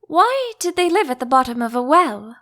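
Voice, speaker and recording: A woman's voice: high-pitched, sing-song, normal speed, pushed and bright, heavily acted. A woman voicing a curious, polite, easily confused young girl with a questioning manner in an audiobook. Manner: cautious, questioning.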